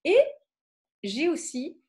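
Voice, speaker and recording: A French woman leads a voice lesson in a lively lecturing style. Her voice sits high and roams widely up and down as she acts out emotions with sudden bursts. She keeps turning to her listeners to check they follow. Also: slow pace. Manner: checks in often with "d'accord?". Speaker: voice teacher giving a talk. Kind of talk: lively spoken lecture with demonstrations.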